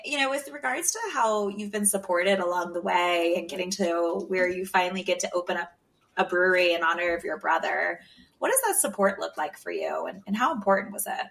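A woman's voice: lowish voice, brisk, creaky, a bit bright. Gushing woman podcast host, slightly distant. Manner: affirming, gushing, rambling questions. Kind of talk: warm-hearted podcast interview.

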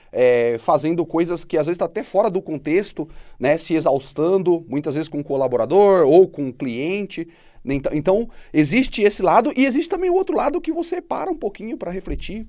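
A man's voice: sits high, mellow, dry recording, studio quality. A man co-hosting a business podcast, talking casually and dropping frequent tag questions as he tells stories. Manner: conversational, filler-heavy, frequent "né?". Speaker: podcast co-host.

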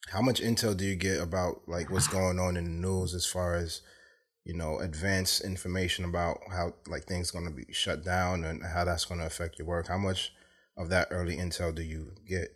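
A man hosts an interview podcast in a casual, conversational way. His voice is very low, and he asks probing questions, often rephrasing them mid-sentence. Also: little pitch movement, normal speed, a bit bright. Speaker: podcast host.

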